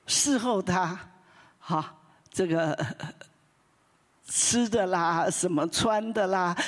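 A woman pastor preaching in a relaxed storytelling manner, often ending phrases with a soft "ha". Her voice is husky and a little breathy. The sound rings with the long reverb of a big hall. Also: medium pitch. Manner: conversational, tags phrases with a soft "ha"; lively retelling with many restarts. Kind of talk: sermon storytelling.

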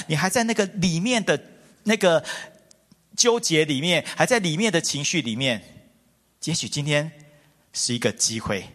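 A middle-aged man preaching a sermon, telling stories with lots of repetition and calling the congregation forward. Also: fairly high pitch. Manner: animated, repetitive, storytelling. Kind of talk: sermon with altar call. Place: church hall. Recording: long hall reverb with faint music.

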